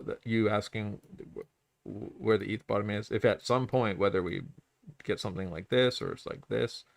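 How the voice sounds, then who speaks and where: Gravelly low-voiced man talking through charts. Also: dry recording. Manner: rambling, thinking aloud with fillers and restarts. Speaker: trading livestream host. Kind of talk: casual livestream chart commentary.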